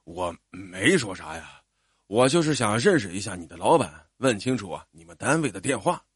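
A man voicing a stubborn, caring elderly rural father who talks gruffly and insistently. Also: fairly low pitch, expressive, fairly quick, fairly bright tone, no echo, studio quality, voice pushed down. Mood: meek.

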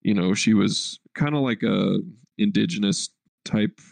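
A man's voice: fairly low pitch, unhurried, gravelly, darkish tone, no echo. A young man co-hosting a podcast in casual chat, laid-back, swearing often and filling his talk with "like.". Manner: laid-back, swears a lot, heavy filler words. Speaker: podcast co-host.

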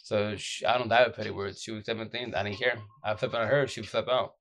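A man with a deep, groggy, exhausted voice giving casual, blunt relationship advice off the cuff in slangy, repetitive phrases. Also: fairly even intonation, fast, gravelly, a bit bright. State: exhausted, short of sleep. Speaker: social media advice streamer.

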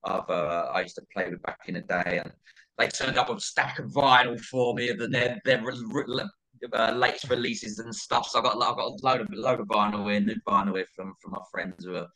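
A man's voice: on the low side, fairly even intonation, a little fast, vocal fry, pushed and bright, poor audio. A middle-aged man with an Essex accent, chatting casually as an interview guest, rambling and repeating his phrases as he goes. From Essex, England.

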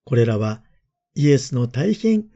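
Calm, mellow Japanese priest giving a homily. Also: male voice, medium pitch. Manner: calm, reflective, measured delivery. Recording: dull lo-fi voice message.

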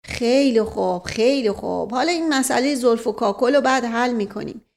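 A woman's voice: on the high side, creaky, a little mellow. Woman playing a coaxing, wry nobleman.

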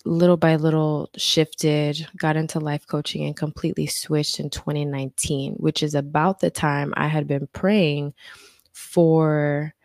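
Casting: woman guest, earnest life coach, low pitch, dry close mic. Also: flat delivery, unhurried, darkish tone, no room sound. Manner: earnest, faith-centered storytelling. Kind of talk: conversational interview.

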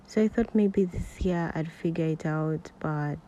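A woman in her twenties with a Kenyan accent hosts a casual solo podcast. Her voice is soft-toned and mellow, sitting a little low. She talks in a candid, rambling, conversational way, recorded at home by a road with faint noise behind her. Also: a little slow, rough recording. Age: 20s. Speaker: podcast host. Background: faint street noise, passing cars.

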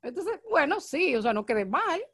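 A married woman, hosting a casual podcast chat and talking very fast and excitably. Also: high voice, no room sound, clean studio sound. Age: adult, married. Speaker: podcast host.

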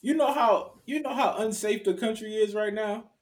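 A man in casual group chat, joking in a lively way. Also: sits high, normal speed, a crowd in the background. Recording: roomy, off-mic.

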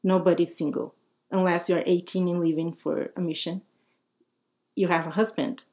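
Casting: middle-aged woman from Brazil, fairly low voice, friendly and laughing guest. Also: flat delivery, normal speed, darkish tone. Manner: friendly, laughs often, simple phrasing. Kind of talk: casual interview talk.

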